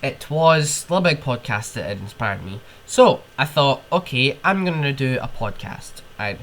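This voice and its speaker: A man's voice: medium pitch, animated, normal speed, fairly bright tone. A young man with a cold, hosting a podcast on his own and ranting in rambling, casual chat, with sniffs and swearing. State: ill with a cold. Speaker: podcast host.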